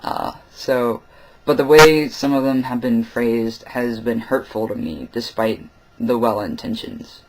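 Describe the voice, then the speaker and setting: In the middle of the night at home, a young man records a casual vlog, speaking candidly and wryly while rambling with lots of ums and uhs. His voice is middling in pitch for a man, and the background is noisy.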